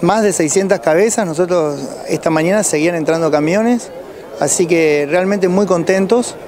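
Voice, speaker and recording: A man's voice: high voice, moderate pace, a crowd in the background. A middle-aged man with an Argentine accent, answering as an official in an outdoor news interview. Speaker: president of a rural producers' federation, interviewee. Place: outdoors at cattle auction pens. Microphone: handheld reporter's microphone.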